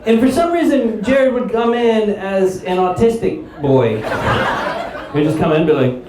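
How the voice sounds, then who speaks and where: A young man doing stand-up storytelling on stage, animated and acting out other people's lines. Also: high-pitched, moderate pace. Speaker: stand-up comedian. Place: comedy stage before a laughing audience. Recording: roomy live club with crowd laughter.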